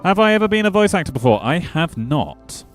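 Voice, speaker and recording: This streamer, a man with a slightly high, sing-song voice, talks a little fast over soft background music. He chats casually about his gameplay, talks to his chat, and cracks jokes at the animals in the game.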